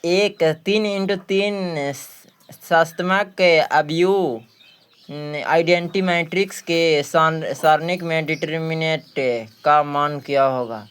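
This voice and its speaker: Slow and fairly even in intonation, this man's fairly high voice sounds fairly bright, clear and resonant. He has a Bihari accent and is running a maths practice lesson for an exam, working through questions, repeating phrases and answering his own questions.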